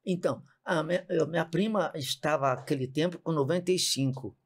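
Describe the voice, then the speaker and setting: A woman's voice: low-pitched, fairly quick, slightly rough. A woman over one hundred, a podcast guest, telling a family story and acting out the dialogue. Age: 100s. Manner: lively, acts out quoted dialogue. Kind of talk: casual storytelling.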